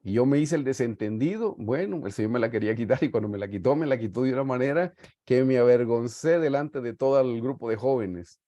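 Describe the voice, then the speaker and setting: Earnest preacher, mellow and dry. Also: male voice, medium pitch, lively intonation, a little fast, no room sound. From Guatemala. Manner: earnest, warm pastoral storytelling, often saying "hermanos". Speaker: Bible study teacher. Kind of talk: sermon-style Bible teaching. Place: home on a video call. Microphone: video call mic.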